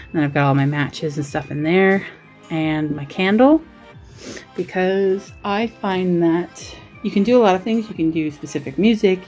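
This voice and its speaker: Giggling and poking fun at herself, an Australian vlogger and writer rambles through a relaxed show-and-tell of her desk. She speaks in a low voice with a darkish tone.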